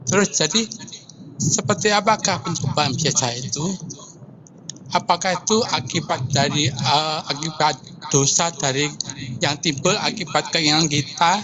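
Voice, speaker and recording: A man's voice: fairly high pitch, measured pace. Man on a call that keeps breaking up. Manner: polite, hesitant. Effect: choppy call audio breaking up. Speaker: caller. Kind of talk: asking a Bible question on a live call. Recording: noisy, dull phone-call line.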